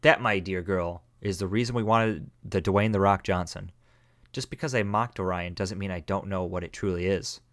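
A man voicing a calm, condescending adult cultist villain in a game let's play, explaining things in a measured way. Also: low-pitched, no echo, studio quality, lightly acted. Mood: smug.

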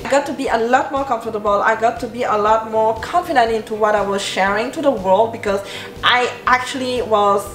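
A young woman, a French-speaking style coach and YouTuber, gives an earnest, encouraging motivational vlog to camera in a slightly high voice. She's indoors in a roomy, echoey bedroom with a clothes rack and shelves, the camera at medium distance.

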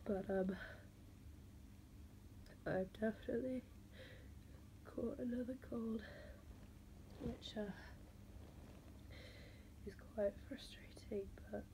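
A congested woman with a cold and stuffy nose speaks softly, half-whispering, in a casual vlog to camera. Her fairly high voice keeps a steady tone while she talks slowly and haltingly with sighs and fillers. The recording carries noisy background hiss.

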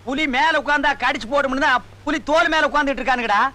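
A hot-tempered fake village priest with a very high, bright voice who keeps barking insults at his helper. The scene comes from a film comedy. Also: very fast. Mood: scolding. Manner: scolding, abusive.

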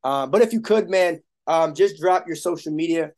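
A man's voice: fairly high pitch, moderate pace, darkish tone. A man in his thirties hosting a podcast interview over a video call, talking in an easy, affirming way. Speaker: podcast host. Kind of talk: casual interview chat.

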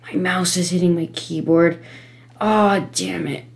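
A low-voiced woman narrates her own gameplay into a desk microphone at home. She talks slowly and pleads with the game, then breaks into sudden gasps and frustrated yells. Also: fairly even intonation, gravelly. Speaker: gamer. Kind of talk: let's-play commentary. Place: home computer setup.

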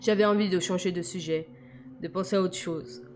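A woman reading a novel aloud in a measured, quiet first-person narration. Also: on the low side, fairly even intonation, slight background noise. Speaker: audiobook reader.

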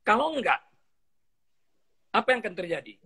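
Husky-voiced man, animated storytelling pastor. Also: high voice, normal speed. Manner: animated storyteller, acts out dialogues, mixes in English phrases. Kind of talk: conversational teaching interview.

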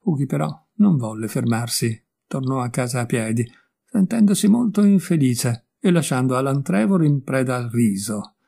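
A man narrating a literary short story in a calm, measured storytelling manner. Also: mid-range voice, gravelly, husky. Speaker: audiobook reader.

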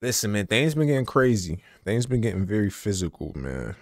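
Young male streamer, lowish voice, casual slang-heavy hype patter, dry sound. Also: very animated, fairly quick, no echo. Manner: laid-back slangy hype talk, repeats phrases. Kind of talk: casual live gameplay commentary.

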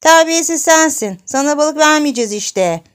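Lady doing a bratty little boy, all bragging and teasing, high kid voice, storybook. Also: moderate pace, clean tone, lightly acted. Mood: taunting. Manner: taunting, bragging.

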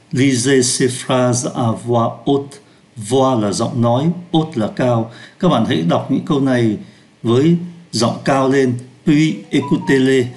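A man teaching French pronunciation in Vietnamese, slowing down to sound out French words. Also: mid-range voice, darkish tone. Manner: slows down to pronounce French words. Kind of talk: lesson explaining pronunciation.

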